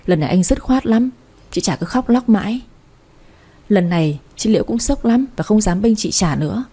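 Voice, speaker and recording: A woman narrating a family story in the first person, in an even storytelling manner. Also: mid-range voice, slightly rough.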